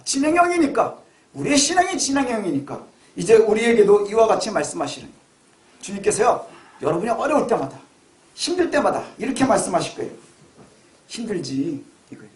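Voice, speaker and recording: A middle-aged male pastor preaches with a very high voice, talking to his congregation in a conversational way and asking rhetorical questions. His voice rings through a roomy church sanctuary. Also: sing-song, fast talker. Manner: conversational, asks rhetorical questions, acts out quotes. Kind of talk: Sunday sermon. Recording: echoey church hall.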